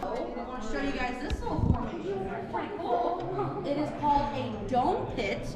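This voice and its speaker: Echoing woman cave guide, high-pitched. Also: expressive, normal speed. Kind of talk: informal guided-tour explanation. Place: inside a large cave. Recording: echoey cave, distant mic, group chatter.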